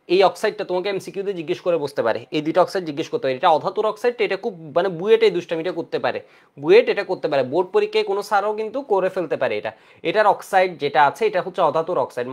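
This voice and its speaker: A man teaching an online chemistry lecture for exam prep, repeating key points again and again to drill his students. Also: sits high.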